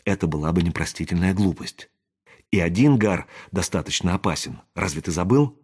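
Young woman whispering, low and hushed, as a male reader puts her on, husky. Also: a little fast. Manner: whispering, hushed and matter-of-fact. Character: wary young female guide, whispering.

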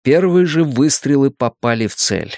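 A man narrating a dramatic audiobook in a steady, measured way. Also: mid-range voice, dry recording, studio quality.

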